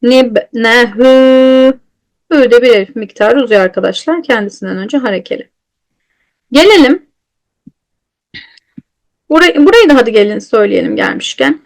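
A high-pitched woman leads an online lesson on reading the Quran correctly. She speaks in a patient teaching tone and answers her own questions. She draws out each letter sound slowly when she demonstrates it. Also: animated, gravelly.

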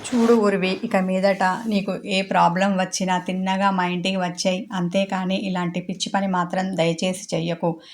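A woman voicing a caring young man who scolds his friend and then speaks gently and with guilt in a storybook reading. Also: on the low side, flat delivery, normal speed, slight background noise, natural voice. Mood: remorseful.

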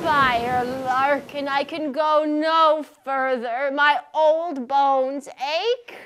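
A woman playing a doddering old male counsellor with aching bones in a comic stage parody, slow and fussy. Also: high voice, fairly even intonation, a bit bright, a little hiss or hum, exaggerated voice. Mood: weary.

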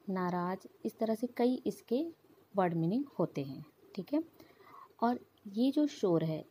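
A woman's voice: medium pitch, dark tone, a little hiss or hum. A woman teaching an English pronunciation lesson to children, patiently explaining with repeated examples.

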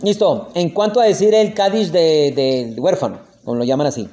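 A man with a Colombian Spanish accent teaching a lesson on prayer customs, explaining step by step, slowing down to spell out the prayer words and often checking in with his listeners. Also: a little high, warm tone.

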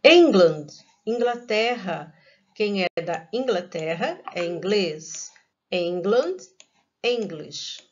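A Brazilian woman teacher talks young kids through an English lesson, unhurried and deliberate, saying each word twice. Her voice comes through a laptop webcam with a dull, lo-fi sound. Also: medium pitch, animated. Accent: Brazilian Portuguese. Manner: slow, careful, repeats each word for children. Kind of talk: recorded online class.

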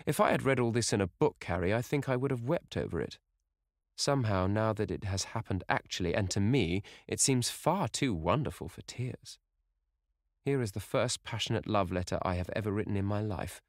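A man reading an audiobook, voicing a passionate, impulsive young gentleman who speaks earnestly and with emotion. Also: lowish voice, lively intonation, moderate pace, no echo, clean studio sound. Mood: dazed, musing.

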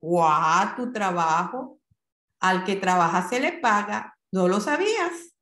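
A woman's voice: medium pitch, sing-song, takes it slowly, a bit bright, reverberant. A woman voicing a boastful, streetwise young boy who sells lottery tickets. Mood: cocky. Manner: boastful, self-assured.

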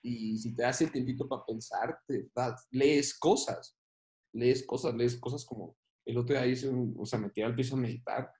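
Animated Mexican man telling funny stories. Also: mid-range voice, fairly quick, few pauses. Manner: animated, slangy, self-mocking, acts out voices. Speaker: comedian guest. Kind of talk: casual storytelling chat.

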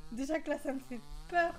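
A high-pitched woman talks over her horror game in a casual, jittery way. She laughs a lot, repeats herself when nervous, and has a faint hiss of noise behind her. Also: sing-song, a little slow. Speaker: let's play gamer. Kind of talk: casual horror gameplay commentary.

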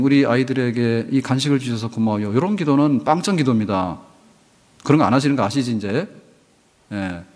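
A man's voice: mid-range voice, in a large hall. A male pastor preaching a sermon in a conversational way, asking the congregation questions as he goes. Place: church sanctuary.

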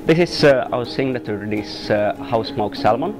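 A chef in his forties from Finland, speaking English with a Finnish accent, explaining steadily with small pauses in an interview. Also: mid-range voice, over music. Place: restaurant interior.

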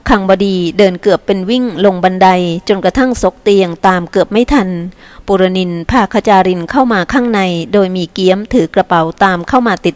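A woman's voice: mid-range voice, fairly quick, darkish tone, no room sound. Woman narrating an audiobook, dry close sound. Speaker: audiobook reader. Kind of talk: scripted narration.

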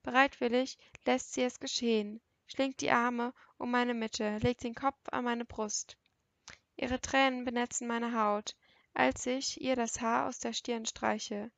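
A woman narrating a first-person novel as an audiobook, in an intimate, even storytelling manner. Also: fairly high pitch, creaky, no room sound, muffled recording.

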